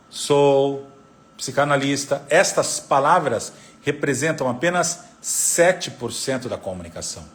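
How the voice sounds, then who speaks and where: A man, a psychoanalyst, giving a live talk on parenting, teaching by repeating the key figures. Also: fairly high pitch. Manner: didactic, repeats figures, lively intonation.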